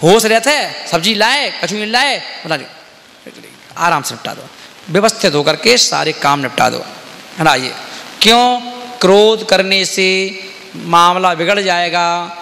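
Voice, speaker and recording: Jain monk preaching in an echoing hall. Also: male voice, high voice, expressive, a little slow, vocal fry, bright, forceful tone. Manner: repetitive, asks "है ना?" often, acts out everyday scenes. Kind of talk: Hindi sermon. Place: dharmshala hall. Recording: long hall reverb.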